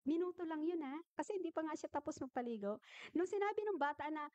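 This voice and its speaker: High-voiced woman telling lively anecdotes. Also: quick pace, no echo. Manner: animated, asks the audience questions and tells anecdotes. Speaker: health speaker at a church gathering. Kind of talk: lively talk to an audience. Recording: dull, slightly muffled recording.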